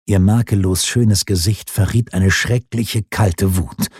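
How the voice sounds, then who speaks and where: A male audiobook narrator reading a historical novel in a measured, dramatic manner. His voice is low, dark and husky, with lively pitch, recorded dry and close. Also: no room sound. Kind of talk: scripted narration.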